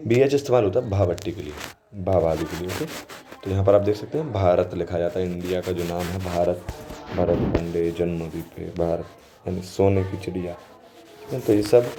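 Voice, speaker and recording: A man gives a recorded screen lecture to his students. His voice sits low and sounds dark and mellow. He stops often to ask whether they follow, over a faint hiss of background noise. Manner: explanatory, checks in often with "okay?". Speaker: English teacher.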